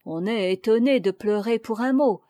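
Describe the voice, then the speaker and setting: Woman audiobook reader, fairly high, mellow voice, unhurried essay reading, dry close sound. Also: no room sound. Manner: measured, deliberate reading. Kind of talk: reading a classic essay aloud.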